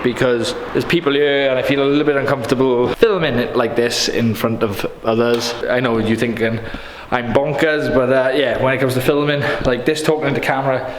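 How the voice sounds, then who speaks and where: A man's voice: mid-range voice, fairly even intonation, brisk. A man chatting upbeat to camera as a painter vlogging, his voice echoing in an empty shop as if under a bridge. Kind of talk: casual vlog to camera. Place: empty indoor shop being fitted out. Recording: echoey hall-like room, some noise.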